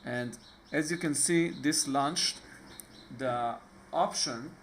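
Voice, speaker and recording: This Israeli tutorial host, with an Israeli accent, narrates a screen-recorded computer lesson in a casual, halting manner full of filler pauses and restarted sentences. His voice is fairly high and gravelly, and the background is noisy.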